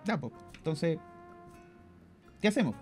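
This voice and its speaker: A Chilean man co-hosts a podcast, offering strong opinions in casual discussion and often repeating words as he thinks, in a Chilean Spanish accent. His voice is a little high, sing-song, unhurried and a bit mellow, with faint music behind.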